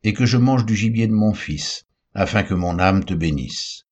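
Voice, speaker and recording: A man's voice: on the low side, expressive, normal speed. A man reading the part of an old blind father who gives a solemn blessing and questions his son. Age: older.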